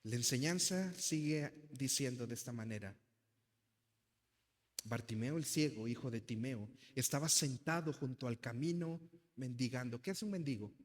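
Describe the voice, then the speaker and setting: A man's voice: medium pitch, moderate pace, big-room sound. A male pastor with a Mexican accent, preaching an emphatic sermon and addressing the congregation as brothers.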